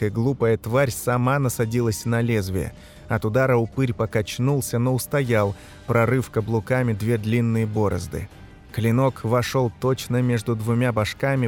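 A man reading a dark fantasy novel aloud as narrator, shouting the characters' lines in the battle scenes. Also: medium pitch. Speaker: audiobook narrator. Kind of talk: scripted narration.

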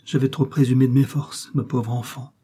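A man reading aloud, voicing a frail, gentle young queen who speaks in a melancholy, resigned way. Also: medium pitch, little pitch movement, moderate pace, husky, voice pushed up. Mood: frightened.

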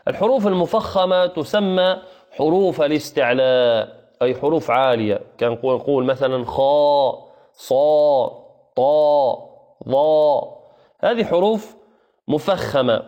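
A man teaching Quranic recitation rules, explaining step by step, asking the listeners questions and stretching sounds slowly to demonstrate them. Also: a little high, darkish tone, dull audio. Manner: asks the listeners questions to keep their attention. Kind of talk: tajweed lesson.

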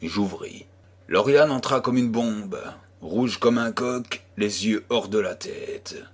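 Slow, husky male audiobook narrator. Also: fairly low pitch. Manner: slow, measured reading, voicing dialogue with small shifts. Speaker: audiobook reader.

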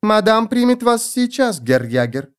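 A man doing a high, timid maidservant girl. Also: sing-song, measured pace, smooth. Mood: deferential. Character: young maidservant girl, small and demure.

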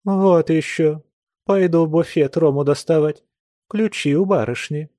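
A man's voice: on the high side, a little slow, dark tone, no room sound, studio quality, voice pushed up, natural voice. A man voicing a grumbling serving woman. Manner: grumbling, scolding.

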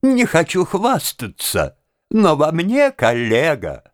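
Man doing a sugary, boastful high-voiced jailer. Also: huge pitch swings, slow pace, no room sound, clean studio sound, full character voice. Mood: cloying. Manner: sugary, boastful, talks down as if to a child. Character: chatty, smug, cloying male jailer-executioner.

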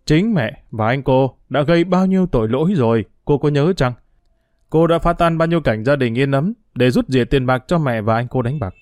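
A man's voice: medium pitch, fairly quick, a little mellow, no room sound, studio quality, lightly acted. A man reading a story aloud and voicing an angry, reproachful man who accuses a woman. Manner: harsh, reproachful.

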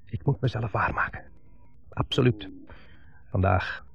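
A bitter grown son, dominated by his mother, is voiced by an actor in a 1970s radio play, delivering a brooding, intense monologue unhurriedly in a full character voice. The voice is on the low side, gravelly and husky, and the broadcast sounds dull.

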